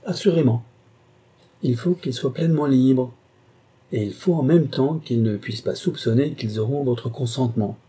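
A man reading an audiobook voices a gentle young woman who speaks in an earnest, measured, pleading way. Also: medium pitch, slightly rough, voice pushed up, lightly acted.

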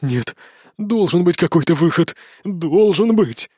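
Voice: mid-range voice, expressive, unhurried, mellow, slightly rough, no echo, clean studio sound. A reader playing a flustered young man. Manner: flustered, pleading. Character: panicky boastful young man.

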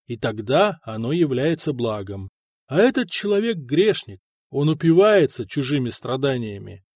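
A man voicing a calm, thoughtful male leader who speaks in a measured, curt way. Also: medium pitch, no room sound, clean studio sound.

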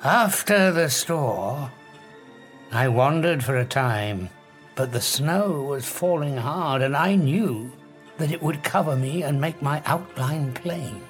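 An actor with a British accent playing a proud, haunted fugitive scientist, theatrical and formal, in an audio drama. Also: male voice, on the high side, lively intonation, takes it slowly, soft background music. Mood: grave, haunted.

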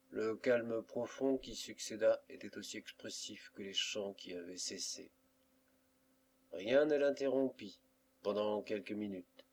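A man reading a classic novel aloud as an audiobook, in a measured literary way. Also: fairly low pitch, a little mellow. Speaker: audiobook reader. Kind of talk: scripted narration of a classic novel.

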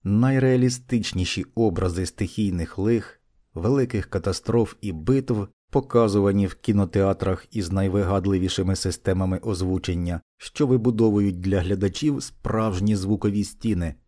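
A man narrates an audiobook in a low, warm, mellow voice. His reading is steady and measured, paced like scripted storytelling.

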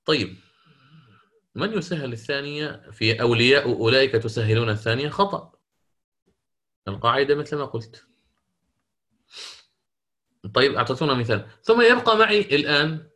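A man's voice: medium pitch, animated, normal speed, pauses often, a bit bright. A man teaching Quran recitation rules in an interactive lesson, questioning students and correcting their answers.

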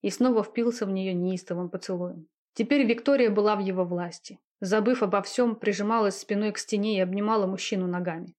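A woman reading a romance novel aloud in a steady, intimate narrating voice. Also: mid-range voice, brisk, hardly any pauses.

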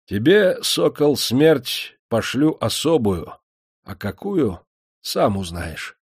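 A man's voice: medium pitch, expressive, measured pace, a little mellow, voice pushed up. A man voicing a cruel, stern male master who threatens chained prisoners with a harsh, commanding voice. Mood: menacing.

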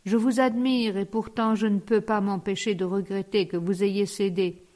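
A woman's voice: mid-range voice, steady tone, moderate pace, darkish tone, lightly acted. A woman reading an earnest young curate. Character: earnest young male curate, moved but principled.

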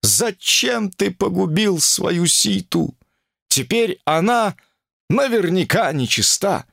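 A man reading an audiobook and voicing a pompous, fanatical male guru who preaches against women in a drawn-out, sanctimonious way. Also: high voice, lively intonation, creaky, fairly bright tone, dry recording, studio quality, heavily acted. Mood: self-righteous.

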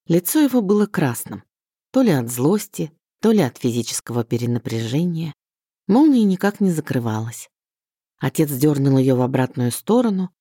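A woman reads a novel aloud with an expressive storytelling lilt. Her voice sits low and mellow yet swings widely in pitch. The recording is close and dry. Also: dry recording. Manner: expressive storytelling, mixing plain telling with inner voice. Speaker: audiobook reader. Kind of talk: scripted literary narration.

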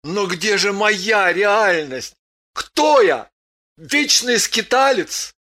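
A woman's voice: medium pitch, lively intonation, extremely slow, a bit bright, pitched above the performer's own voice. A woman reading an audiobook, voicing an earnest, restless young male warrior pilot who keeps asking questions.

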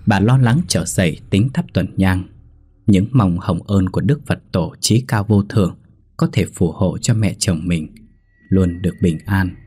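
A man narrating a horror story in a measured, suspenseful way. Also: low-pitched, slightly rough. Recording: soft background music.

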